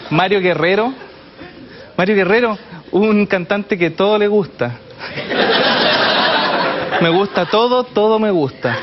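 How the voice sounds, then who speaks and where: A man with a Chilean accent doing a mocking stand-up comedy routine on stage. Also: high-pitched. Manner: mocking, sings song lines in exaggerated voices. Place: comedy stage before a live audience. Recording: muffled live show recording, loud crowd and noise.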